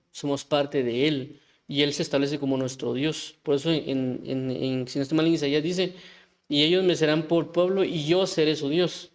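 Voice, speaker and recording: A man preaching an informal sermon, talking conversationally with frequent restarts and rhetorical questions. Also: a little high.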